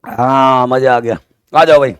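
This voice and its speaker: A man teaching a chemistry class online, mixing two languages, speaking loudly and affectionately to his students while asking them questions and answering them himself. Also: mid-range voice, steady tone, a little slow, smooth, no echo, clean studio sound. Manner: affectionate, calls students "dear children".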